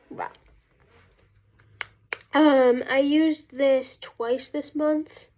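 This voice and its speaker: A woman vlogging casually as a beauty vlogger, congested with a cold and breathing through her mouth, talking in a halting, self-interrupting way. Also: sits high, steady tone, dark tone. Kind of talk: casual chat to camera.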